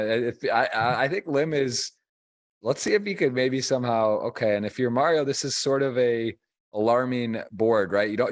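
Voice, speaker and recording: A man giving conversational live poker tournament commentary as the host of a stream. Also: mid-range voice.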